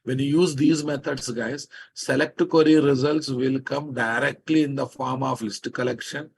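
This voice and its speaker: Husky Indian man lecturing with a Telugu accent. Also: medium pitch, steady tone, normal speed. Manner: emphatic, repeats phrases and prods listeners with questions. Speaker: software teacher. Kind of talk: live programming lecture to a class.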